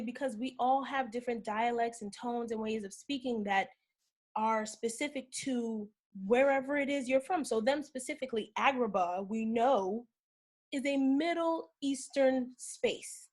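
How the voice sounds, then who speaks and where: A woman co-hosting a casual podcast chat, talking in an animated, emphatic way and laughing often. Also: on the high side, unhurried. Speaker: podcast co-host.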